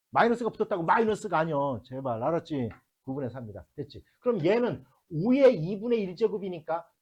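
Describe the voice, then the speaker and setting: In a slightly rough, somewhat mellow mid-range voice captured on dull audio, a math teacher lectures a classroom. Problems are solved one step at a time while he repeatedly checks whether the students keep up, blending blunt casual phrasing with polite sentence endings.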